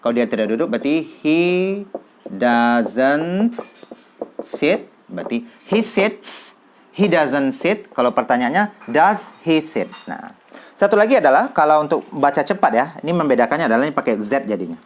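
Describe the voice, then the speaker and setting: Man, casual English tutor, animated pitch, drills examples slowly. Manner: lively, repeats example sentences slowly and clearly. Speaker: English teacher. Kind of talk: casual classroom explanation.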